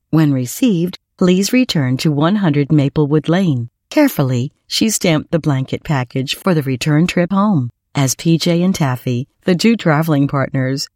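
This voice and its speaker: A woman reading a children's bedtime story aloud in a soft, gentle way. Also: low-pitched, no echo, studio quality.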